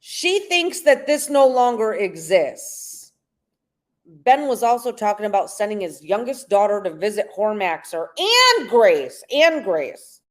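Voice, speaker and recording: A woman livestreaming, ranting angrily, yelling and swearing. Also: mid-range voice, very animated, a little slow. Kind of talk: livestream rant.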